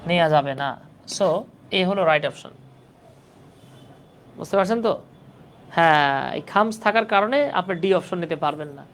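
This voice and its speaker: A grammar teacher giving a live online class for job exam prep, patiently repeating points and checking that students follow. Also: medium pitch. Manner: patient, repetitive, keeps checking understanding.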